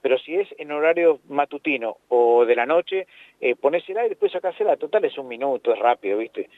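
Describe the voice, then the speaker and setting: A man's voice: mid-range voice, lively intonation, fairly quick, dry recording. A man with a Rioplatense Spanish accent, a veterinarian explaining pet care in a casual radio chat, often repeating his words. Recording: tinny phone line.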